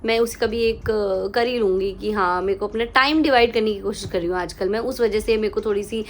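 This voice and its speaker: A woman's voice: medium pitch, brisk, a little hiss or hum. A young woman and new mother chatting casually to her viewers in a vlog, switching freely between Hindi and English phrases and telling stories with animation. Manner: animated storytelling. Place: at home.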